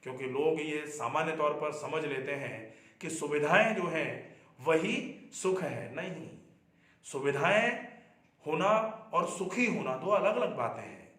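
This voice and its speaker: A middle-aged man talks as a doctor giving advice to parents, earnest and repeating key points so they stick. His voice sits a little high for a man. The room around him rings with a noticeable echo. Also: unhurried, fairly bright tone. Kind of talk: explanatory health talk. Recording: echoey room.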